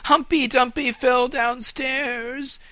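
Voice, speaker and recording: A man's voice: level tone, takes it slowly, sharp tone, no room sound, heavily acted. A man doing a proud, wistful fir tree. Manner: high, breathy, dreamy storybook voice.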